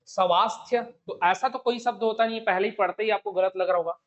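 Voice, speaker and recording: A man's voice: sits high, fairly quick, lo-fi sound. A man teaching a Hindi spelling lesson online with a Chhattisgarhi Hindi accent, going through the options step by step and repeating key words. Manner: explains step by step, repeats the question and the answer over and over. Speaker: exam coaching teacher.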